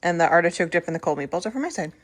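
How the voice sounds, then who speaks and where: A woman's voice: on the low side, expressive, racing. A woman chatting casually in a home vlog, describing food and drinks to the camera. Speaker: vlogger. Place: home indoors.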